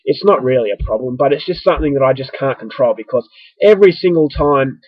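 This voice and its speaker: Speaking fast and animated in a husky mid-range voice, this Australian man vlogs casually to camera, chatty, self-mocking and rambling. He sounds stuffy, as if coming down with a cold. The audio is dry, slightly dull and echo-free, like a modest home recording.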